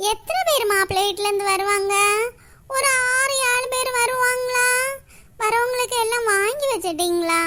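A talkative village auntie from a homemade cartoon bustles through her chores in a very high, bright voice, as a woman acts her out. She fusses over every little household detail. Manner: homely, fussing, talkative. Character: chatty middle-aged village woman relative. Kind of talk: Tamil cartoon voice acting.

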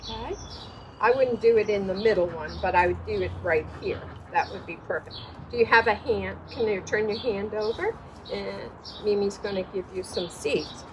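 Out at a windy table with birds and breeze audible, a children's storytime host in her sixties walks young kids through gardening, cheering them on with praise and easy steps. She speaks at a moderate pace in a mid-range voice, and the recording's high frequencies are cut off.

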